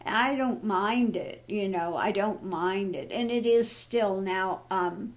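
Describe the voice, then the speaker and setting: Laughing at her own troubles, a good-humoured woman of about seventy-one or seventy-two chats casually and haltingly. She's an online vlogger who reads tarot, and thyroid surgery has left her voice lower and easily fatigued.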